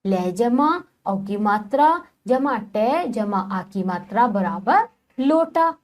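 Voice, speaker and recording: A woman giving a slow, patient phonics lesson to young children, spelling words out syllable by syllable. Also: medium pitch, animated, darkish tone. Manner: repeatedly addresses the children. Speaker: teacher.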